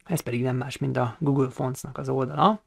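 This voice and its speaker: A man teaching a coding tutorial over a screen recording, explaining each step and pausing often on hesitation sounds. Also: mid-range voice, steady tone, gravelly, no room sound. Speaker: programming instructor.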